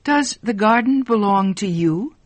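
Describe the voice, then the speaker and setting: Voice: mid-range voice, lively intonation, unhurried, no echo, voice pushed up, close to an everyday voice. The storyteller voicing an earnest, curious young man asking questions.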